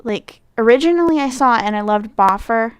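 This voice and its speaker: A young Michigan vlogger with a Midwestern American accent chats casually through a fan questionnaire in a fairly high, animated voice, speaking briskly. Her tone is clean with clean studio sound and no echo, and she rambles with lots of fillers and self-corrections.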